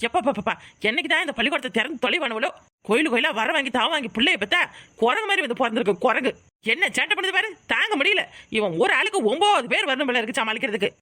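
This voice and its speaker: A hot-tempered village mother from a cartoon, voiced by a woman, with a Kanyakumari Tamil accent. She scolds in a high, bright voice at a quick clip, loud and quarrelsome. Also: animated, no room sound, clean studio sound, exaggerated voice. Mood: grumbling. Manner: shouting, scolding. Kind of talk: cartoon voice acting.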